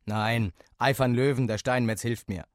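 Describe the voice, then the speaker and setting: A man's voice: mid-range voice, fairly even intonation, normal speed, dry recording, clean studio sound, lightly acted. A man doing a stern, blunt father. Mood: matter-of-fact. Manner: blunt, firm. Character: gruff stern father, middle-aged.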